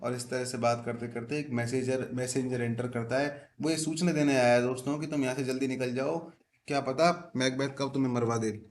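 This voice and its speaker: A man's voice: medium pitch, fairly even intonation, fairly quick. A teacher from India explaining a play line by line, asking and answering his own questions. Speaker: English literature teacher.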